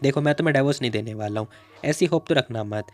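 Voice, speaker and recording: A man's voice: medium pitch, quick pace, darkish tone, soft background music, close to an everyday voice. A man voicing a stubborn young husband who insists and pleads with his wife. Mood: insistent.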